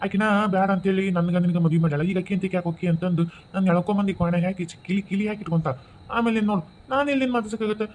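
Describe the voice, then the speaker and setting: A man's voice: high-pitched, fairly even intonation, rapid-fire, a little mellow, a little hiss or hum, close to an everyday voice, rough recording. A man with a North Karnataka accent voicing a doting, playful young husband in a cartoon who teases affectionately. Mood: joking. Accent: North Karnataka Kannada. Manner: teasing, affectionate. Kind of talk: cartoon voice acting.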